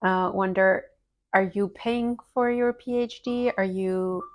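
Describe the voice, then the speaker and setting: A woman hosts a casual podcast and interviews a friend. Her voice sits in a middle range, and she asks her questions in a warm, encouraging way. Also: medium pitch, fairly even intonation, slow pace. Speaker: podcast host.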